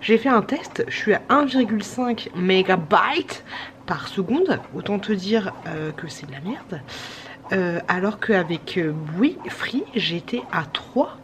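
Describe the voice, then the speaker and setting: A woman's voice: mid-range voice, animated, unhurried. A tired woman, chatting casually to camera at home late at night, rambling with many fillers and restarts. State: a little sick. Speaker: vlogger. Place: home at night, pumping breast milk. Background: breast pump hum.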